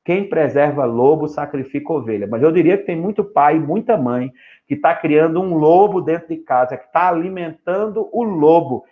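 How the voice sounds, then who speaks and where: A middle-aged man preaching as a pastor, emphatic, firing rhetorical questions and acting out children and parents in quick asides. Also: on the high side, phone-quality sound. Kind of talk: pastoral teaching in a live stream.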